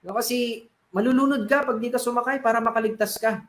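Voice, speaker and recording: Rescuers urgently calling to a stranded man, as a man puts them on. The voice is raised and higher than usual. It sounds roomy, with a clear echo. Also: steady tone, quick pace. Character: urgent rescuers shouting from boat and helicopter.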